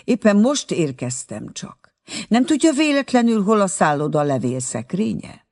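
A man's voice: high voice, big pitch swings, gravelly, darkish tone, voice pushed up, exaggerated voice. A man voicing a friendly young man who speaks courteously and teasingly. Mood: cheerful.

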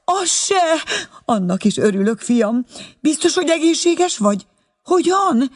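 A reader voicing an excitable elderly mother who exclaims in a high, flustered voice on a telephone call in an audiobook. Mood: excited.

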